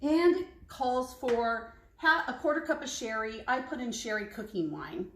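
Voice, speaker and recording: A woman's voice: fairly high pitch, animated, moderate pace, a little hiss or hum. A woman taste-testing recipes in a casual kitchen vlog, chatty and frank with hesitant asides. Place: home kitchen. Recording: echoey kitchen, clinking dishes.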